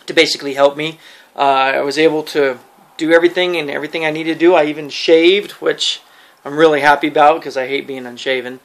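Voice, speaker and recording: Guy doing a casual vlog, explains stuff kinda haltingly, mid-pitched voice. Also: fairly bright tone. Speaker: vlogger.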